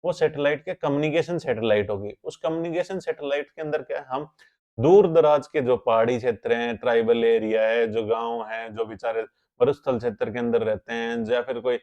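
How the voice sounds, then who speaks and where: A man's voice: medium pitch, fairly quick, darkish tone, dull audio. A man teaching a current affairs lesson for exam students, explaining step by step and often asking questions before answering them himself. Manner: explains step by step, keeps asking rhetorical questions and checking with "theek hai?".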